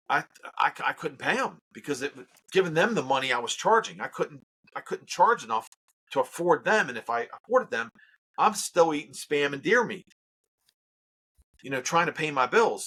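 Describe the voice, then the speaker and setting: A man's voice: medium pitch, fairly bright tone, husky. A man who works as a charity auctioneer, telling his story in a casual interview with earnest emphasis and repeats.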